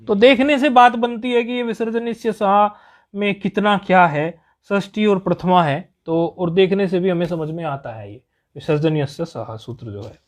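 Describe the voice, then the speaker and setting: A man teaching Sanskrit grammar in a patient lesson, repeating each point and checking that students follow. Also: high voice.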